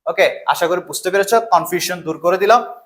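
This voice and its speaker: A young man with a high voice teaches grammar to exam students. He explains patiently, step by step, and often asks a question and then answers it himself. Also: brisk, a bit bright. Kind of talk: classroom lesson in Bengali.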